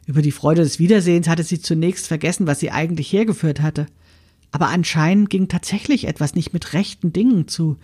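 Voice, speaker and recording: Woman author reading her story: steady, measured narration with a lightly husky tone. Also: low voice.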